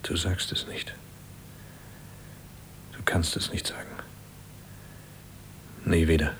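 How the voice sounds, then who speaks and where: An actor playing a devoted husband caring for his dying wife, speaking gently and often in a whisper, in a German radio play. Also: very deep voice, little pitch movement, slow pace. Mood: gentle.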